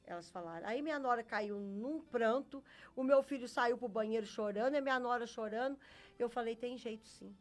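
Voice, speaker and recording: Brazilian woman, middle-aged, earnest testimony teller who voices each quote, raised pitch, faint music under her. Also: brisk. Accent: Brazilian Portuguese. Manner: earnest storyteller who acts out quoted dialogue. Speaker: interview guest. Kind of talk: personal faith testimony.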